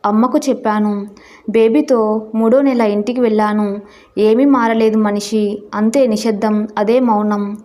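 A woman's voice: on the high side, steady tone, a little slow, mellow. Woman telling a plaintive story. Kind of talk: first-person audio story narration.

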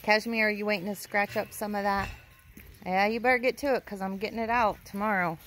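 Walking around her farm with a phone camera in hand, a woman chats casually and coos at her animals, unsure which breeds they are. Her mid-range voice is fairly bright with a steady tone and a slightly quick pace, with a little hiss or hum.

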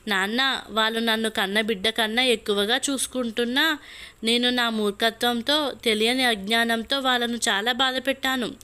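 A woman storyteller voicing a gentle young wife who speaks in a soft, pleading, sorrowful way, in a storybook reading. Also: on the high side, steady tone, normal speed, clear, resonant tone. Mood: remorseful.

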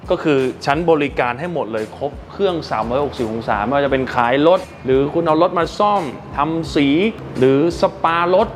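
A man's voice: medium pitch, animated, brisk, few pauses, a little hiss or hum. A man hosting a casual vocabulary lesson in a car showroom, patiently explaining words and spelling them out letter by letter, with polite particles at the ends of his sentences. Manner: polite, with frequent soft sentence-end particles. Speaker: English teacher and show host.

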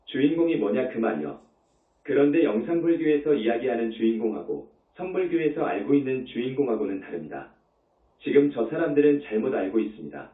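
A man who is a Buddhist monk, giving a dharma talk in an emphatic way, repeating his points and asking rhetorical questions. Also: mid-range voice. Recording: tinny, echoey, distant.

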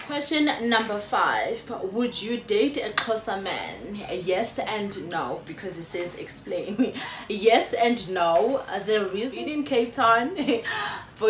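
Casual and warm, a South African woman in her late twenties talks to viewers in a Q&A vlog, dropping plenty of fillers. As a YouTuber filming on a phone camera from a sofa in a small room, she has a medium-pitched voice and the recording sounds roomy.

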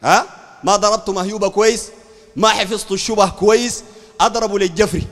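Fiery high-voiced Sudanese sheikh, fast. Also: male voice, steady tone, a bit bright, faint music behind. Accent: Sudanese Arabic. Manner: fiery, keeps asking "understand?", raises his voice. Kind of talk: heated polemical religious lecture. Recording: long hall reverb.

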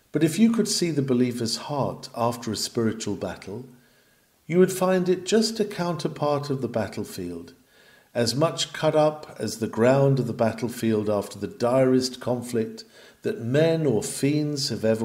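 A man's voice: medium pitch, a little mellow. A man reading an old sermon aloud, building to dramatic, emphatic peaks. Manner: dramatic, swelling with emphasis on climactic lines. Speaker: preacher.

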